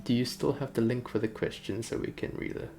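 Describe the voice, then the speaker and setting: A man works on a game during a livestream, chatting casually and rambling as he thinks aloud, with music behind him. His mid-range voice has a darkish tone, fairly even intonation and a fairly quick pace.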